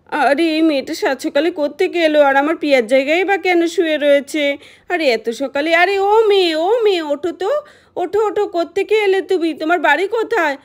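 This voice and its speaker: A woman's voice: high-pitched, close to an everyday voice. A woman voicing a worried mother in a doll story, exclaiming and scolding.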